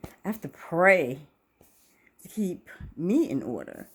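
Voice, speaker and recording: Talking slowly to camera on her channel, a woman in her fifties drifts through a chatty, reflective monologue centered on faith. Her voice sits on the low side, slightly rough, with big swings in pitch.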